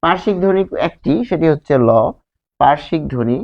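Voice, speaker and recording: A man's voice: on the high side, fairly quick, slight background noise. A male teacher from Bangladesh giving a grammar lesson, asking and answering his own questions and drawing out sounds to demonstrate them. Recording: slightly dull lo-fi sound.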